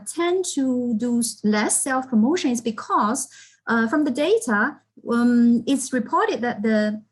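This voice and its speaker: A woman panelist answers audience questions in a slightly husky, higher-pitched voice. She explains her points earnestly, often pausing on fillers and restarting her sentences. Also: poor audio. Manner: earnest, many fillers and restarts, laughs lightly. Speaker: academic panelist.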